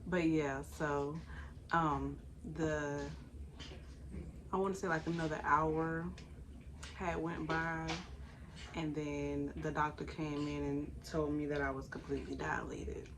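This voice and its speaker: A woman's voice: deep voice, level tone, slow, noisy background. A young woman, telling a personal story in a casual, chatty way and now and then breaking off to tend her baby. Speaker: vlogger.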